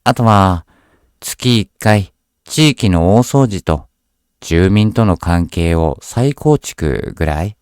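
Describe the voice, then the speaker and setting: A man reading a scripted horror story aloud as a narrator, in a measured, deliberate storytelling delivery. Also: sits low, lively intonation, darkish tone, clean tone, no room sound, clean studio sound.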